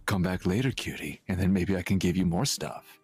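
Man doing a very low, flirty female shopkeeper, ASMR role-play. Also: brisk, breathy edge, faint music behind. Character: flirty female agent running a weapons shop.

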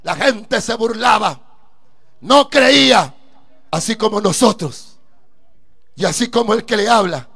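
Male preacher, very high voice, slow deliberate delivery, fervent sermon. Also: expressive, creaky, slightly rough. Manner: emphatic, preaching with shouted bursts. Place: church service.

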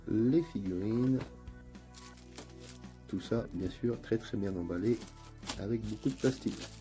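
A man with a northern French accent talks through an unboxing on his channel, relaxed and chatty, pausing often to hesitate. His voice sits on the low side with a warm, mellow tone, and soft music plays quietly underneath. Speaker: channel host. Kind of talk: casual unboxing narration. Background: faint background music.

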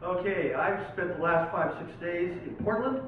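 A poet from Oregon, United States, whose voice sits high, performs his own work at a live reading with dramatic flair, speaking at a moderate pace between casual introductions. The distant recording of the venue is tinny and heavily echoed, with faint noise.

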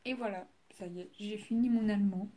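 A woman's voice: mid-range voice, fairly even intonation, fairly quick, mellow, soft background music. A teenage girl from France doing homework on camera, chatting casually with many fillers and sometimes dropping to a murmur. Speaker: student vlogger. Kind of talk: casual study vlog.

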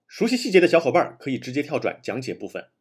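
A man's voice: mid-range voice, very animated, racing, slightly rough. A man hosting a literary commentary show, laying his points out one by one. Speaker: host.

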